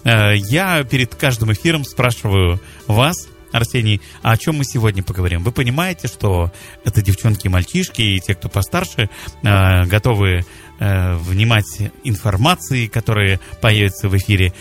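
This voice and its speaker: A man's voice: fairly low pitch, expressive, moderate pace, faint music behind. A male radio host presenting a live morning show on air, addressing listeners over the radio from a studio.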